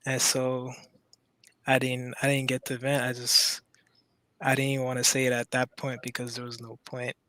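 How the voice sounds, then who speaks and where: A man from Maryland calling in to tell a personal story, halting and full of restarts. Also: mid-range voice, completely flat delivery, bright, forceful tone, no room sound. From Maryland, USA. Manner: hesitant, halting, many restarts. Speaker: caller.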